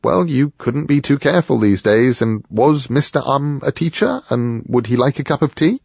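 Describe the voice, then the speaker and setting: A man's voice: medium pitch, lively intonation, moderate pace, gravelly, darkish tone, slightly rough, no room sound, dull audio, voice pushed up. A man voicing a wary middle-aged mother who speaks in a clipped, icy way. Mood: polite.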